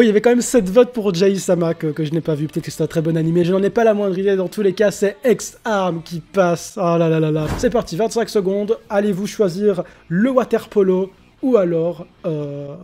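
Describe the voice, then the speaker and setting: A young man hosting a live-streamed anime vote, casual and slangy, with bursts of excitement. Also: high voice. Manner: excitable, slangy, mixes English exclamations.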